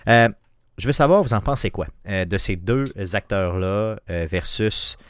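A man with a Quebec French accent hosting a casual panel chat, relaxed and full of fillers, putting questions to the others. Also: on the low side, a little slow, clear, resonant tone, dry recording, clean studio sound. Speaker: podcast host.

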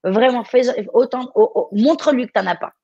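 A woman's voice: on the high side, moderate pace, warm tone, slightly rough, dull audio. French woman coaching, direct and encouraging. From France. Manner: direct, encouraging, many restarts. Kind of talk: live coaching session.

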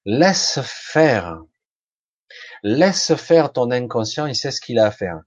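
Man, informal self-development speaker, husky voice, animated pitch, blunt and colloquial, dry lo-fi recording. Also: takes it slowly, no room sound. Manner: colloquial and blunt, with mild swearing, acts out inner voices. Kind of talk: informal motivational talk addressed to the listener.

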